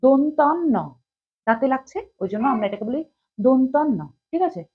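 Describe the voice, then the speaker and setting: A woman teaching a class the alphabet, reciting each letter slowly and checking in with the students as she goes. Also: a little high, animated, slightly rough. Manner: slow, drawn-out recitation with check-ins to the class. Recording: dull lo-fi sound.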